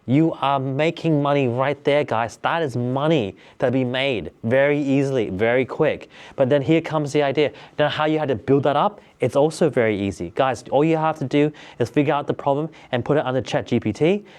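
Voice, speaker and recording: A man talking casually to camera, coaching viewers on business ideas in an energetic, repetitive way. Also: mid-range voice, fairly quick, hardly any pauses. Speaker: business tips vlogger. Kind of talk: casual motivational talk to camera.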